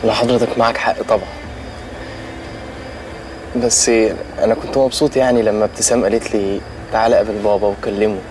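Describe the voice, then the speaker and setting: A man's voice: lowish voice, flat delivery, quick pace, pauses often, darkish tone, a little hiss or hum, natural voice. An actor playing a polite, hesitant young man with an Egyptian accent, asking a father for his daughter's hand. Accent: Egyptian Arabic. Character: nervous young male student asking to marry.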